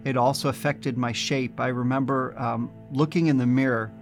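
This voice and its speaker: A man from New Jersey, a scholar, telling his personal testimony in an animated storytelling way. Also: medium pitch, normal speed, creaky, soft background music.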